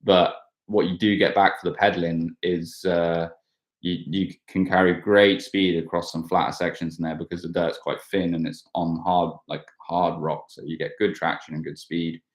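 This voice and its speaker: Low-voiced man chatting in a roomy echo. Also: flat delivery, moderate pace. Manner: rambling, many fillers and restarts. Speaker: mountain bike racer and vlogger. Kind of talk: casual live-stream chat. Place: at home, washing outside in the rain.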